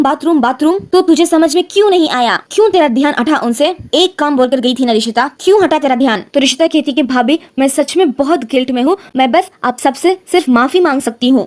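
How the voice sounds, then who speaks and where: A woman's voice: high voice, a little mellow. A woman narrating a recap of a TV serial episode, recounting each character's lines in turn and lightly acting the quoted lines.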